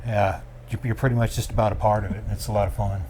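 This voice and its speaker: A man's voice: fairly low pitch, flat delivery, fast, darkish tone, a little hiss or hum. A middle-aged man hosting a casual theater review chat, folksy and repetitive as he talks. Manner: chatty, repeats himself, folksy.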